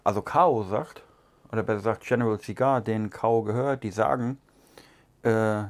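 A man, co-hosting a casual cigar review chat, relaxed and musing with fillers. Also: on the low side, moderate pace. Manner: relaxed, chatty, muses with fillers. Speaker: podcast co-host.

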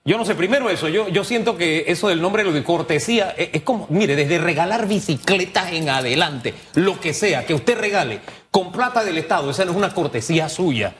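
A man co-hosts a news talk show with emphatic opinions. His slightly high voice swings widely up and down as he presses each point, and a faint background hiss runs under it. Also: expressive, brisk, a bit bright. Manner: opinionated, emphatic, repeats for stress. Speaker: co-host.

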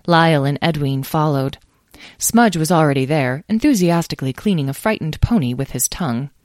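A woman narrating a children's story in a calm, measured way. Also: deep voice, no echo, clean studio sound.

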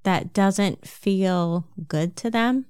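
A woman with a New Jersey accent giving a calm, measured self-help talk, explaining things step by step. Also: medium pitch, clear, resonant tone, no echo, studio quality.

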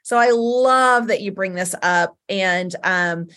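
A woman's voice: medium pitch, slow, fairly bright tone. A woman with a Southern US accent cohosting a nonprofit talk show, chatting casually and leaning on "you know" fillers. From American South. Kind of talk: casual advice chat.

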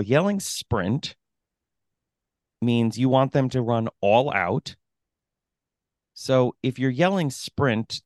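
A man's voice: medium pitch, no room sound, clean studio sound. A man co-hosting a casual podcast as a running coach, talking emphatically and often laughing as he makes his points. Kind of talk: casual chat.

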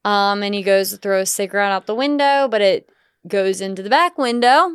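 A young woman with a very clear, crisp voice talks through a film's plot in long, chatty stretches. She co-hosts a casual review podcast. The sound is dry and close, with no room around it. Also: medium pitch, brisk, no room sound. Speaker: podcast co-host. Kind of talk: casual movie review chat.

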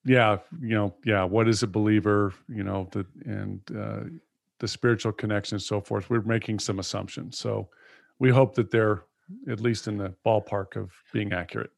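A man co-hosting a podcast, chatting in a relaxed, easygoing way. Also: on the low side, normal speed, gravelly, dry recording, clean studio sound. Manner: relaxed, laughs easily, short replies. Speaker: podcast co-host. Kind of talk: casual podcast chat.

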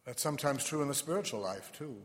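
A man speaking as a priest in church, measured and reflective, with pauses between phrases, in a cathedral echo. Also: mid-range voice, lively intonation. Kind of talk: liturgical reading and sermon. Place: large reverberant church interior.

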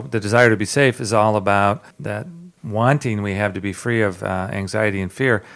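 A man with a low, gravelly voice hosts a radio talk program. He talks in a loose, unhurried way, full of fillers, with a hint of a Southern drawl. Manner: relaxed, many "uh" fillers, jokes about his southern drawl. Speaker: radio show host.

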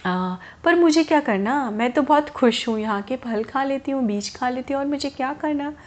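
A woman voicing a naive little female chakor bird in a children's storybook tale, who turns shrill and indignant. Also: lively intonation, normal speed. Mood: content. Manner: shrill outraged protest.

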